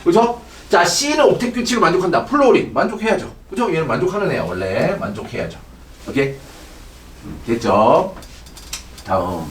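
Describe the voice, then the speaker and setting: A high, lively male voice lecturing on chemistry, keeping his students engaged with constant check questions. He sounds middle-aged and sits back from the microphone, and his voice bounces around a reverberant classroom. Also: moderate pace, long pauses, slight background noise. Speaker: chemistry teacher. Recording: echoey room, distant mic.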